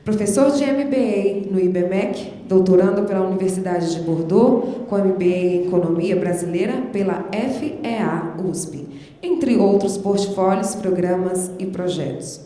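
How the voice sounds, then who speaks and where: A woman's voice: medium pitch, moderate pace, warm tone. A woman reading a formal scripted introduction of a speaker at an event. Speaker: event announcer. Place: large conference hall. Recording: echoey hall with long reverb.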